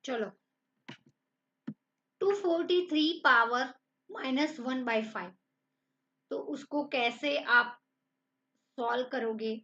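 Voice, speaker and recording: A woman gives an online math lesson, talking students through each step in an encouraging way. Her voice sits high and she moves slowly. The recording is slightly dull and lo-fi. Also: sharp tone. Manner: encouraging, addresses students as friends. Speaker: math teacher.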